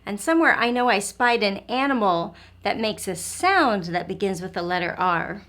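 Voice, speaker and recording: This woman's voice is medium in pitch, a bit bright, with lively intonation. She hosts a children's lesson that includes reading a storybook aloud, talking to small children in simple, encouraging phrases and pausing after each question for young viewers.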